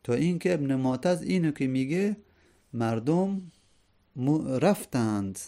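Mellow-voiced male teacher explaining poetry. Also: mid-range voice, animated. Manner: explains line by line, rhetorical questions to students. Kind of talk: lecture explaining classical poetry.

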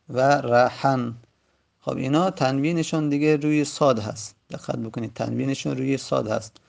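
A man teaching Arabic grammar in a classroom lecture, patient and repeating key points slowly. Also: medium pitch, creaky.

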